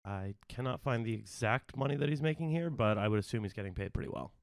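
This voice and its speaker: A man producing a podcast, giving a news rundown in a measured, radio-style way. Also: lowish voice, lively intonation, creaky, no echo, studio quality. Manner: measured, newsreader-like delivery.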